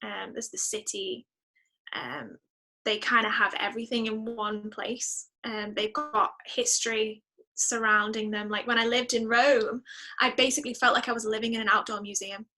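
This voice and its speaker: Appearing on a podcast, this musician has a fairly high and very bright voice, speaking at a moderate pace with a steady tone. She muses aloud in a casual, reflective and enthusiastic manner, though the audio is poor.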